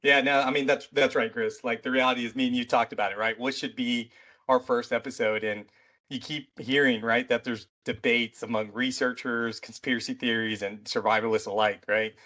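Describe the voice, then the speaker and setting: A man's voice: mid-range voice, fairly even intonation, brisk, bright, forceful tone. A man hosting a mystery podcast in a loose, rambling chat, peppered with "you know" and "right". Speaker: podcast host; military veteran.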